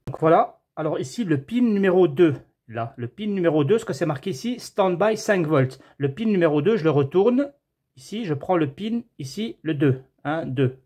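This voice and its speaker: Man, husky voice, casual repair tutorial, chatty, thinks out loud, workshop. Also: a little high, animated, normal speed. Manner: chatty, talks to viewers as friends, thinks aloud while measuring. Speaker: TV repair technician.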